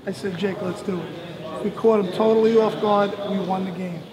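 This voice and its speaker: A man's voice: sits high, steady tone, moderate pace. A man coaching baseball players at a clinic, encouraging them and telling a game story. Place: large indoor sports dome. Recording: echoey dome with crowd noise.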